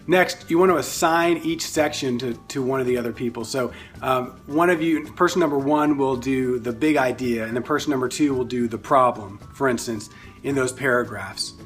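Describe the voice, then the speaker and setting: A man explaining step by step how to host short overview videos, in a relaxed, friendly way with frequent fillers, over light music. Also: medium pitch. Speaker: ministry staff instructor. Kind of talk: casual instructional explanation.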